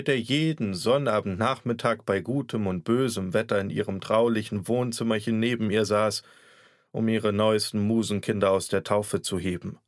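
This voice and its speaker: A man reads a satirical story aloud in a wry, theatrical manner. His voice sits fairly low, and the recording is dry and close, with no room sound. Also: no echo. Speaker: audiobook reader. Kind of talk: scripted narration.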